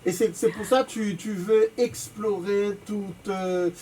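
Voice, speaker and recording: A woman's voice: medium pitch, fairly even intonation, measured pace, dark tone, far from the mic. Hesitant woman radio host, off-mic. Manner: hesitant, repeats words, fillers. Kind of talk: casual radio interview. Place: radio studio. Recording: off-mic with faint noise.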